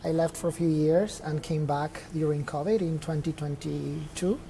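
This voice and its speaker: Mellow-voiced young man from Mexico. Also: on the high side, fairly even intonation, normal speed, vocal fry, slight background noise. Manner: open and reflective, with thinking-aloud restarts. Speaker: trail runner guest. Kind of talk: casual interview chat. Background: faint chatter of people nearby.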